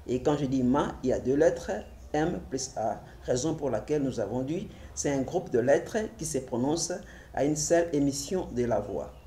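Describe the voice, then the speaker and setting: A man's voice: mid-range voice, dark tone. A man teaching a French literacy lesson, spelling letters and syllables aloud one at a time and repeating them for adult learners.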